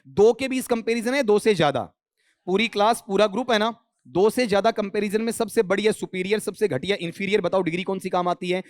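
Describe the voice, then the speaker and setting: A man with a fairly high voice lectures a room of students. He fires questions at the class and answers them himself. The sound is close and dry. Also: no room sound. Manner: mixes English grammar terms into his Hindi. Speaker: English teacher.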